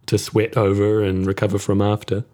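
Low-voiced reflective podcast host. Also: male voice, monotone, moderate pace, dark tone. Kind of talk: reflective conversation.

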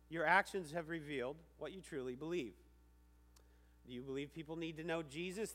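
Man, pastor, sermon, fairly high voice, emphatic, loud and hushed by turns, long hall reverb.

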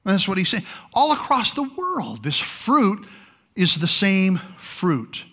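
A man's voice: sits high, wildly swooping pitch, slow, a bit bright, breathy edge. A man preaching a teaching sermon in a conversational way, often restarting his sentences and adding wry asides to the congregation. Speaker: pastor.

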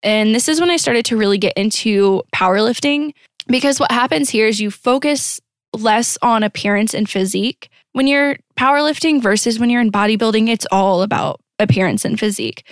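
A woman's voice: on the high side, fairly quick, no room sound, clean studio sound. A young woman telling a candid, self-deprecating personal story to camera, with many restarts. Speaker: vlogger.

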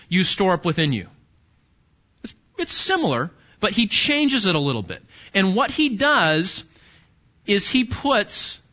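A man's voice: sits high, sharp tone, muffled recording. A man, a pastor, preaching a sermon in a conversational way, often checking in with the congregation. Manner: conversational, asks the congregation questions.

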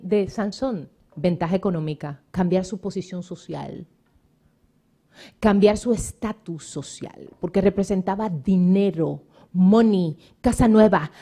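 A woman's voice: mid-range voice, dark tone. A middle-aged woman pastor preaching a sermon, speaking straight at her congregation and calling out members by name.

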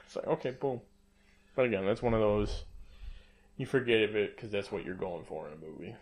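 A man's voice: lowish voice, brisk. A man co-hosting a casual movie review podcast, laughing often and acting out quotes in a raised voice. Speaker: podcast co-host.

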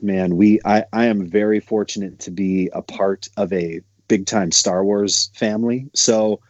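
A man in his thirties from Montana, a bass player talking loosely with lots of fillers. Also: fairly even intonation, measured pace, no room sound, muffled recording. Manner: loose, rambling storytelling with many fillers. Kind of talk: casual conversation.

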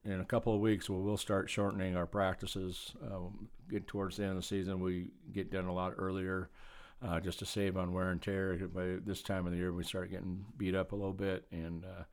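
A man who coaches football, answering interview questions in a relaxed, plainspoken way with many fillers. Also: sits low, brisk. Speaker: high school football coach.

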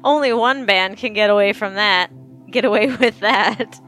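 A woman co-hosting a casual podcast, playful and teasing, quick to laugh. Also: medium pitch, fairly bright tone, soft background music. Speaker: podcast co-host.

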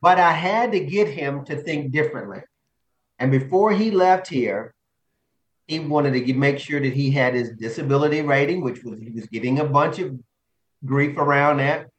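Animated, laughing male coach. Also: a little high, moderate pace, echoey room, distant mic. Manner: animated storyteller, laughs often. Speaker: coach and podcast co-host. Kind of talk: casual chat.

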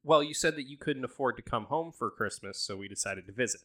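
A man's voice: medium pitch, lively intonation, fast talker, bright, forceful tone. A man voicing a doting, fussy middle-aged mother who talks in a sweet, chirpy and bossy way.

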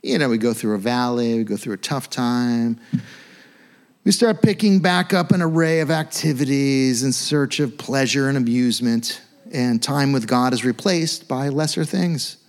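A man's voice: medium pitch, lively intonation, normal speed. A middle-aged man preaching a sermon as a pastor, fervent and exhorting, in an informal, conversational way with repeated phrases for emphasis.

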